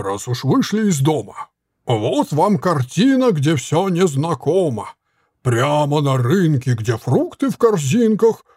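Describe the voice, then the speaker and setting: Man playing a bearded puppeteer barker, showy and loud, drawn-out rhyming patter, husky voice, high and lively, storybook figure. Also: heavily acted.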